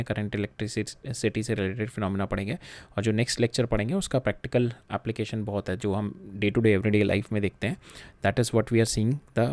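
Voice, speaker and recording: A man's voice: fairly low pitch, a little mellow, no echo. A man teaching physics, working through problems while switching between Hindi and English, with frequent fillers and repeated words. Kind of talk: lecture solving exam problems.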